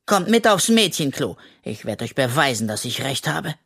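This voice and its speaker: A reader voicing an excitable, boastful little male raccoon in a children's audiobook, with a hissing, conspiratorial manner. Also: medium pitch, moderate pace, creaky, full character voice. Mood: excited. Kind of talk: children's audiobook role reading.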